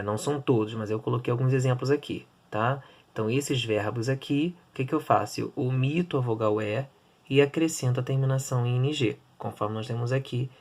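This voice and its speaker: A man teaching an English grammar lesson, explaining step by step and checking in with the class often. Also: medium pitch.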